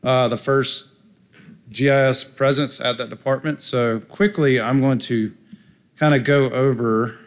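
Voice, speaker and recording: Smooth-voiced man giving a quick talk. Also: mid-range voice, fairly even intonation. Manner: hurried, many fillers. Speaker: presenter. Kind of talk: conference presentation. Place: conference room.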